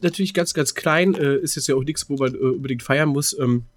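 A little high and brisk, this man's voice carries a touch of hiss or hum. He's a 27-year-old podcast co-host telling anecdotes in casual chat, wandering off track and stuttering over repeated words while he searches for the right one.

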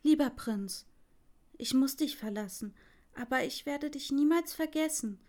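A woman voicing a soft-hearted female swallow in a storybook reading, raising her voice for the bird. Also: high-pitched, measured pace. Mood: wistful. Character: gentle, tender female swallow.

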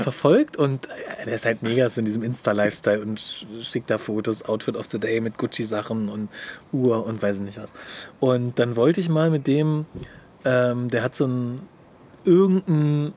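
A young man co-hosting a podcast in casual chat, telling stories in an animated, slangy way and laughing often. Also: medium pitch. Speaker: podcast co-host.

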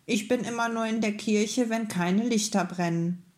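A woman doing a squeaky little church mouse. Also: normal speed, close to an everyday voice. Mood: wistful. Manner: squeaky and soft. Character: small poor female church mouse, timid and wondering.

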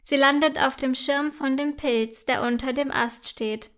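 Slow, high-voiced woman storyteller. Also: fairly even intonation. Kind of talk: scripted children's story narration.

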